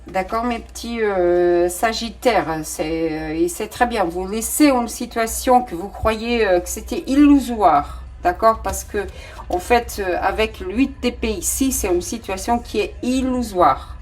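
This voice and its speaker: A woman's voice: mid-range voice, unhurried, a little mellow. Woman doing a tarot reading for viewers, lots of ums and restarts, foreign accent in her french. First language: not French. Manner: hesitant, many fillers and restarts, addresses viewers directly. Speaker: tarot reader.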